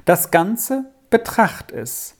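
A reader voicing a quick-witted older boy who answers riddles emphatically and teases his friend. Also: medium pitch, huge pitch swings, darkish tone, full character voice. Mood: teasing. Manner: emphatic, teasing.

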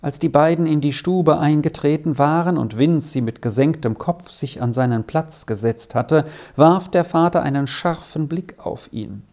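A narrator reading a classic children's story aloud in a calm, measured way. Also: mid-range voice.

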